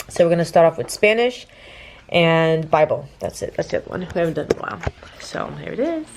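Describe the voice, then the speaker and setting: A woman's voice: low-pitched, big pitch swings, a little fast, long pauses, background noise. A woman hosting a homeschool vlog, chatting casually to the camera at home about her plans for the day. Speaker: homeschooling mother and channel host. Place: family home.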